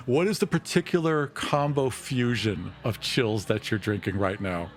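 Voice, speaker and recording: A game master runs a tabletop roleplaying session, improvising both narration and character dialogue. He talks informally and conversationally, in a mid-range voice at a moderate pace.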